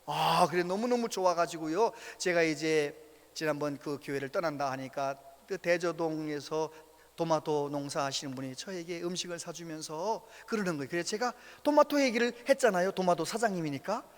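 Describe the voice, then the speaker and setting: A man preaching a sermon as pastor, telling stories with animated, acted-out voices. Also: fairly high pitch, moderate pace. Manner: animated storytelling, acts out quoted voices. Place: church sanctuary. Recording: reverberant church hall.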